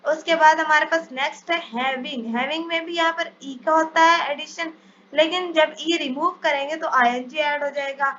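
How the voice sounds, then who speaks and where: A woman teaching English spelling rules in a step-by-step lesson, reading each English rule out slowly before explaining it. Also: high voice, fairly even intonation, a bit bright. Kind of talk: spelling lesson over slides. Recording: dull lo-fi sound, faint hiss.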